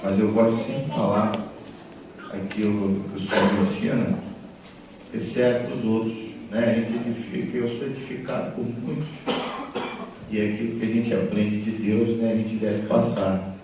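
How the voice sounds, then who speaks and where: A man preaching a sermon in a church, talking conversationally and telling stories with animated retellings, often checking in with his listeners. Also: lowish voice, moderate pace. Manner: conversational, repeats tag questions, animated storytelling. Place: church hall. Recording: echoey church hall from far off, background noise.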